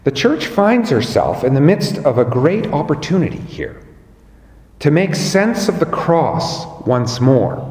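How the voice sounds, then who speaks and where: A man preaching a sermon as pastor, slow and measured, rising on key words. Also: on the high side, darkish tone, roomy sound, in a large hall.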